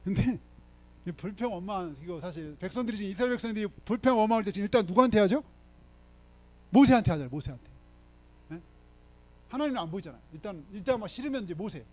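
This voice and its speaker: A male pastor preaches fast in a church sanctuary, his high-pitched voice expressive and broken by frequent pauses, with a little hiss or hum in the recording. He reads scripture with force and emphatically prompts the congregation with questions and rhetorical "응?" and "예?".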